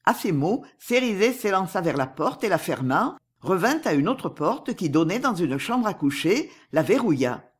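Husky, expressive audiobook narrator. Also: medium pitch, normal speed, few pauses. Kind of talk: classic novel narration.

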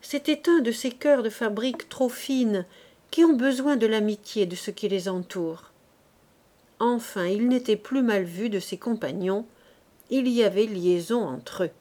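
A woman's voice: a little high, a little slow, warm tone. Woman narrating an audiobook. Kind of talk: scripted narration of a classic novel.

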